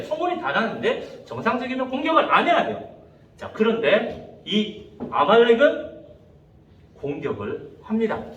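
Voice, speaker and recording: A man preaching a sermon to young people as pastor, telling stories with lively quoted voices. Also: sits high, lo-fi sound, a little hiss or hum. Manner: animated storytelling, acting out quoted voices. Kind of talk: sermon to youth. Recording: echoey room, voice from a distance.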